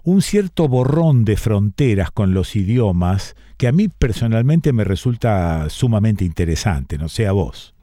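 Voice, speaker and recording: A man hosting an interview, speaking in a measured, conversational way. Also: fairly low pitch, sing-song, mellow, no echo, studio quality. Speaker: radio host.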